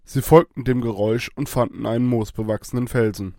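A man calmly narrating a children's fairy-tale adventure. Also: mid-range voice, fairly quick, no room sound, studio quality. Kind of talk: children's story reading.

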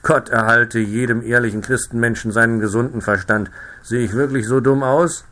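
Man doing a hearty, boastful stout farmer, loud and bright, storybook. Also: medium pitch, fairly even intonation, normal speed, natural voice. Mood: indignant. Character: jolly, sly stout male farmer.

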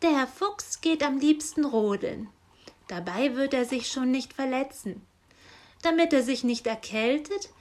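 A woman's voice: high-pitched, pitched above the performer's own voice. A woman reading aloud and voicing an insistent female helper angel who coaxes with cooing pet names.

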